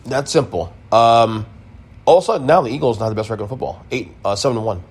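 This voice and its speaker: A man's voice: medium pitch, fast, husky. A man hosting a sports podcast, giving a casual, emphatic recap with blunt opinions and repeated points. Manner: emphatic, opinionated, repeats himself, mild swearing.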